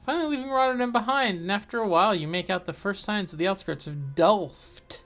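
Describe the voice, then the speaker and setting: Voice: medium pitch, fairly quick, fairly bright tone, soft background music. A co-host reading aloud the narration of a horror game and breaking off for joking asides.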